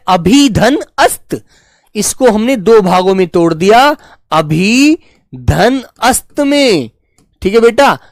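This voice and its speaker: Lively, patient male Hindi teacher. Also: high-pitched, no room sound, studio quality. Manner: patient, repeats words slowly, calls students "beta". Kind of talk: live online class.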